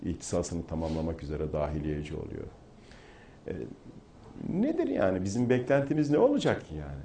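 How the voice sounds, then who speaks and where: Low mellow man speaking with rising fervor. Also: sing-song, fairly quick, slight background noise. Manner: rising to forceful oratory. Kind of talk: impassioned talk show discussion.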